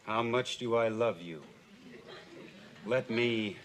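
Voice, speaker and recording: A man's voice: mid-range voice, fairly bright tone. An actor playing a smug, smarmy womanizing old school friend, on a noisy old TV soundtrack. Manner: smooth, slow, smarmy.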